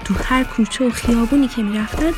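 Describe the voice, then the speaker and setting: A woman storyteller narrating a children's story in an animated, sing-song way, with music under her voice. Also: on the high side. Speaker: storyteller host.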